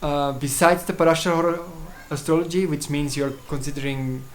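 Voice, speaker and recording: This man from Switzerland, German by first language, explains his astrology services in English in an informal solo video. His voice is a little high with fairly even intonation, and his delivery is halting, full of fillers and restarts.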